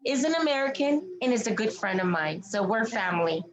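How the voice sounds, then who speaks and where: A woman's voice: fairly high pitch, lively intonation, a little fast, a crowd in the background, rough recording. Woman, interview host, emphatic, opinionated, rambling questions. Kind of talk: casual interview conversation.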